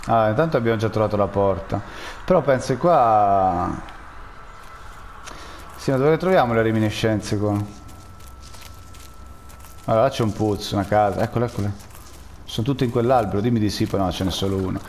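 A man's voice: lowish voice, brisk, pauses often, a little mellow, a little hiss or hum. Jumpy man gaming. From Rome, Italy. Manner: jittery, jokey, talks to chat. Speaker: gaming streamer. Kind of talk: live gameplay commentary.

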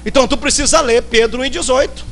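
Brief: very high-pitched male preacher, theatrical storyteller, guitar music underneath. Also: quick pace. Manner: animated, theatrical storytelling, shouting for response. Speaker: pastor. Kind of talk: sermon with storytelling.

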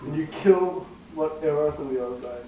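A man's voice: on the high side, fairly quick, dark tone. A man co-hosting a video game session, bantering crudely and laughing often. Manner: giggly, crude, teasing. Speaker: gaming video co-host. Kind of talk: casual banter while playing a video game. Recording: echoey room, distant mic, faint hiss.

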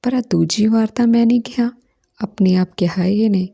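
A woman's voice: medium pitch, moderate pace, creaky, dark tone, husky. A woman reading the part of a teasing, reassuring young man who coaxes his sister-in-law in a storybook reading. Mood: coaxing.

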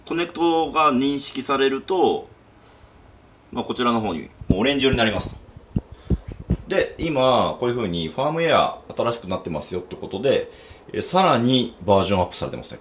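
A man's voice: lowish voice, a little hiss or hum. Chatty Japanese man with a Kansai accent. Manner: chatty, thinking aloud with many fillers. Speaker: gadget reviewer and channel host. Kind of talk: casual unboxing review.

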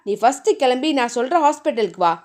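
A woman's voice: sits high, expressive, fast talker, darkish tone. A woman voicing an elderly grandfather who reassures and hesitates, in a novel reading. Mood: reassuring. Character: calm elderly grandfather, soothing.

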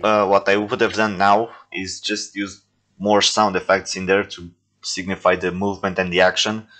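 A man's voice: deep voice, flat delivery, moderate pace, bright, forceful tone. A man who makes stop-motion toy movies, commenting casually on his own old work in a rambling, self-deprecating, joking way.

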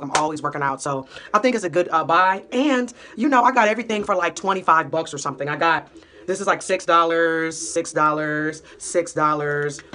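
A woman's voice: low voice, a bit bright, slight background noise. A young woman chatting casually as a beauty vlogger, upbeat and slangy, filmed on a phone held close. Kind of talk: casual vlog chat. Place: small room at home, then city street and gym. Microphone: phone camera held close.

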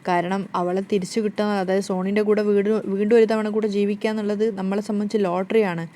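Woman storyteller reading a scheming elderly grandmother, teasing, rapid delivery. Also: medium pitch, level tone, warm tone, close to an everyday voice. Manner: teasing, wheedling. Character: scheming old grandmother, coaxing and sly.

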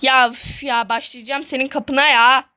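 Steady in tone and normal in speed, this gamer vlogger's high, sharp voice carries casual let's-play chatter. The woman rambles during play, jokes about herself, and repeats the same words repeatedly.

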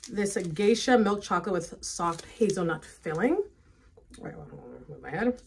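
A woman's voice: on the low side, lively intonation, unhurried, creaky, a little hiss or hum. Chatty woman tasting snacks on camera. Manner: chatty, eating while talking, mouth full. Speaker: food vlogger. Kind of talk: casual food tasting chat.

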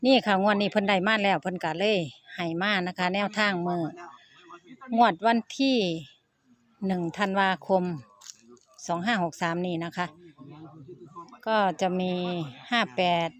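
A woman's voice: mid-range voice, measured pace, pauses often. A woman vlog host with an Isan accent, chatting to her viewers in a casual, upbeat way. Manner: chatty, calls to viewers, agreeable interjections. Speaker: channel host.

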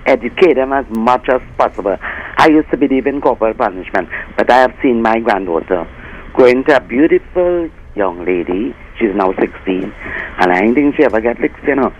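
A man's voice: medium pitch, animated, a little fast, highs cut off, slight background noise. An older man calling a radio show, telling folksy, rambling stories. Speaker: caller. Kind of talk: call-in radio.

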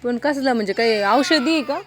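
High-voiced woman cooing baby talk. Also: fairly quick, slight background noise. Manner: soothing baby talk, imitating a dog's bark. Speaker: family vlogger and mother. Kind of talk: casual family vlog chat.

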